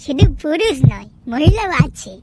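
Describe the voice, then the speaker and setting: A woman's voice: sits high, very animated, normal speed, noisy background. A woman voicing a flustered interviewer at a shady business in a cartoon comedy, polite and stammering.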